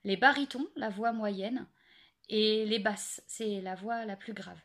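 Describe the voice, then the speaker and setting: A young woman explaining singing basics in a casual, hesitant way, full of pauses and fillers. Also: medium pitch, steady tone, a bit bright. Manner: hesitant, many fillers and restarts. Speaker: singing teacher. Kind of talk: casual spoken singing tips.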